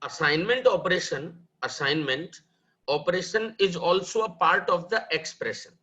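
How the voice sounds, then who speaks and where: A man's voice: fairly high pitch, lively intonation, extremely slow, sharp tone, highs cut off. A man teaching a live programming class, explaining step by step, asking questions and answering them himself. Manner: mixes Hindi and English, calls students "bhai" and "beta".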